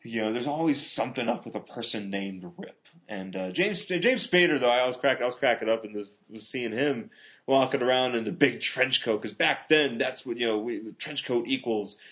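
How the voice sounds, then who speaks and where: A man's voice: medium pitch, moderate pace, a bit bright. A man casually reviewing a film with a co-host, rambling and joking, with lots of filler words. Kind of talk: casual movie review chat.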